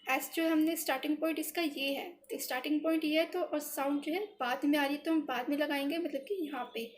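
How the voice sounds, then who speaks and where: A fast-talking woman with a high voice and fairly even intonation tutors shorthand step by step, patient and repetitive, voicing her thoughts as she writes. Her English words have an Indian accent, and slight background noise can be heard.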